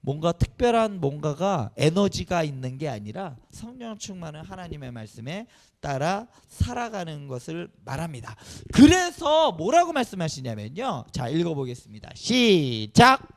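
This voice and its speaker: Animated pastor questioning children, lively pitch. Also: male voice, normal speed, few pauses. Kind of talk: children's sermon. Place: church sanctuary.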